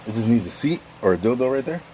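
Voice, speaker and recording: A man's voice: medium pitch, expressive, fast talker, mellow, slight background noise, poor audio. A man telling a fight story casually and profanely while working on a bike outdoors, laughing as he goes.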